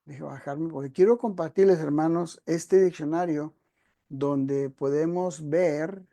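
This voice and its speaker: A man preaching a teaching sermon into a computer microphone while sharing his screen. His voice is gravelly and mellow. He explains the text patiently and keeps turning to his listeners as brothers and sisters. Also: a little high, steady tone, unhurried.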